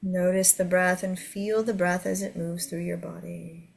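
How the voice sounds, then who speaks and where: A woman teaching a guided meditation to a seated group in a soothing, gentle way. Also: on the low side, little pitch movement, measured pace, creaky.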